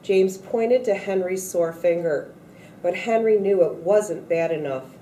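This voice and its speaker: A woman reading a children's picture book aloud in a deliberate way, acting out the quoted speech a little. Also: lowish voice, warm tone, far from the mic. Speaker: storybook reader at a read-aloud event. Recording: echoey room, off-mic, faint noise.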